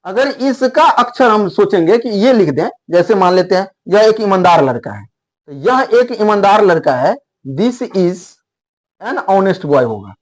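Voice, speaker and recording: A man with a fairly high voice teaches an English grammar lesson in Hindi. He explains step by step, spells letters out one by one and repeats his main points emphatically. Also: expressive, normal speed.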